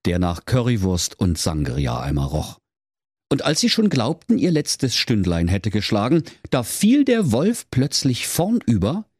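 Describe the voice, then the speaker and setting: A man narrating a comic fairy tale in a playful, expressive storytelling manner. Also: fairly low pitch, husky, no room sound, clean studio sound.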